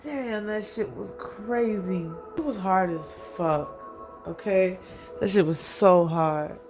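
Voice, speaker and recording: A man with a high voice talks loosely and profanely about a show he loves, swinging into excited reactions and quoting what he said at the time. Clear music plays behind him throughout. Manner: rambling, profane, excitable, quotes himself. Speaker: anime reaction host. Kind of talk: casual solo anime commentary.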